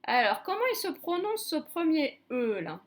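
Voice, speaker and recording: A woman's voice: high voice, very animated, moderate pace. A woman teacher giving a recorded reading lesson to young children, patiently spelling out letters one by one. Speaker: primary school teacher.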